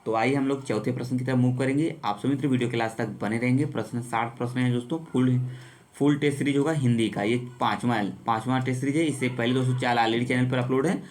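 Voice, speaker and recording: A man's voice: mid-range voice, fairly even intonation, fast. Male exam-prep teacher, recorded quiz lesson, repetitive and chummy with viewers. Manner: repetitive, addresses viewers as friends.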